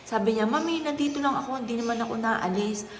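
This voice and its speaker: A woman, a mother telling a personal story in a soft, earnest, polite way. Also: a little high, fast talker. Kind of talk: casual vlog talk. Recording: echoey room with faint noise.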